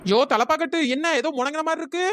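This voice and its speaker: A woman's voice: high voice, very fast, a bit bright, no echo. A voice actor playing a bold young woman in a cartoon, scolding sharply. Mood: bossy. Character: bold young woman climbing a palm tree, bossy. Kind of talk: cartoon voice acting.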